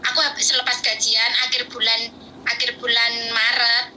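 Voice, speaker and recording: A woman calls in over a tinny phone line. Her voice is very bright and a little high. She rambles, repeating words as she tells her story. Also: little pitch movement, moderate pace, slight background noise. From Indonesia. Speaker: caller, domestic worker.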